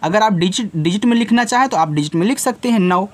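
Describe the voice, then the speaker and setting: A man's voice: high-pitched, animated, fast talker. A man teaching children, spelling out words letter by letter and answering his own questions. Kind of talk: spelling and explaining lesson.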